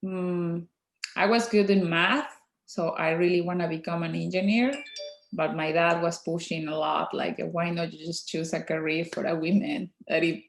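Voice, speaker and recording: A Mexican-accented woman in her forties speaks in a fairly low voice, pausing often and filling the gaps with soft "um"s. She is a native Spanish speaker talking in an interview. Her voice rings off the walls of a roomy, echoey space. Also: steady tone, vocal fry. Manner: soft-spoken, halting, with many fillers. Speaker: guest dentist.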